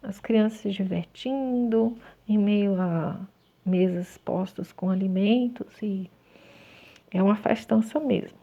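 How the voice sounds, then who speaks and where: A woman teacher with a Brazilian Portuguese accent, slowly talking children through a textbook exercise and spelling words out one by one. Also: mid-range voice, dark tone. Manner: slow, drawn-out word by word dictation. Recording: tinny phone-like recording.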